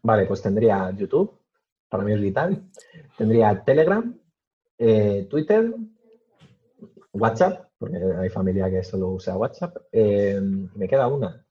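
A man answering interview questions casually, with many fillers and pauses. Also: lowish voice, big pitch swings, husky, dull audio. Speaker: podcast guest.

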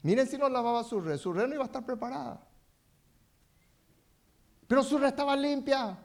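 A man's voice: very high-pitched, a little fast. A male pastor preaching a fervent sermon, firing rhetorical questions at the congregation.

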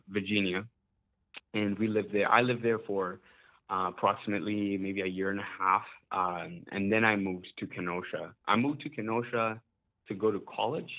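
A man from Uganda, a musician being interviewed, talking casually with many hesitations and frequent laughs. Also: on the low side. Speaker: musician guest. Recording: tinny phone-like line.

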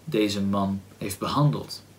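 A man with a Dutch accent hosting a book podcast, talking casually and thoughtfully, often pausing to search for words with "ehm" and restarts. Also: fairly low pitch, a little hiss or hum. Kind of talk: casual book discussion with read-aloud passage.

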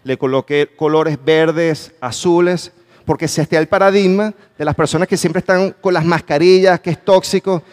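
A man's voice: a little high, steady tone, normal speed, a little mellow. A man giving a motivational talk at a conference, asking his audience questions and stressing his points with emphasis. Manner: emphatic, calls for audience response. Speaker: conference speaker. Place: conference hall with a live audience.

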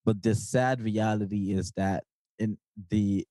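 A young man from New York co-hosting a podcast in animated, jokey casual chat with lots of slang. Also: fairly low pitch, a little slow, no room sound. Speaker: podcast co-host.

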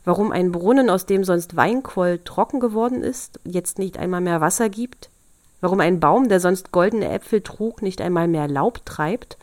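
A woman's voice: fairly low pitch, moderate pace, a little mellow, close to an everyday voice. A woman reading a fairy tale aloud, voicing the young hero as an earnest, curious young man.

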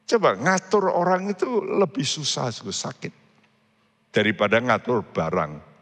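A man's voice: medium pitch, animated, unhurried, a bit bright, long reverb tail. A man preaching a sermon, earnestly and often addressing the congregation directly. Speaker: pastor.

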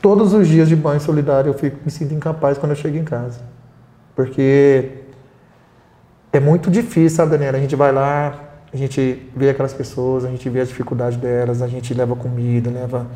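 A man's voice: medium pitch, fairly even intonation, a little fast, warm tone. A Brazilian man who founded a charity for homeless people, earnestly telling stories in an interview and acting out the dialogue. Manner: earnest, retells scenes with quoted dialogue. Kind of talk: interview storytelling. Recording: roomy echo.

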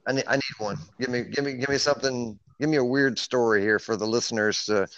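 A man's voice: mid-range voice, quick pace, a bit bright, no echo. A man co-hosting a casual podcast, joking and playful, laughing often. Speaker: podcast co-host. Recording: dull lo-fi sound.

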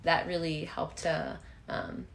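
A woman's voice: low-pitched, big pitch swings, takes it slowly, creaky, slight background noise. A young woman co-hosting a podcast, chatting casually with lots of fillers. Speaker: podcast co-host. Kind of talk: casual chat. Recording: echoey room.

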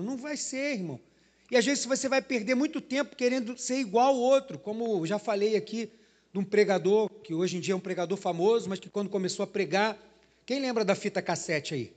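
A pastor preaching to his congregation. His voice sits notably high for a man, and he talks in an easy, chatty way, checking in with the room through little tag questions. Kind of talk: sermon. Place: church hall.

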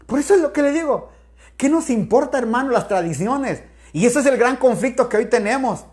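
A man pastor giving a daily sermon from home, loud, extroverted and exclamatory, with many direct appeals to the listener. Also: very high voice, expressive, fairly quick.

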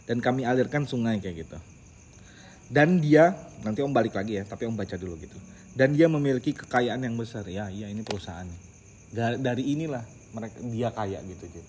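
Animated man leading a study group. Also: mid-range voice, brisk, slight background noise. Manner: animated, slips in English words, calls listeners by nickname. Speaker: Quran study group leader. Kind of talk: casual religious study talk.

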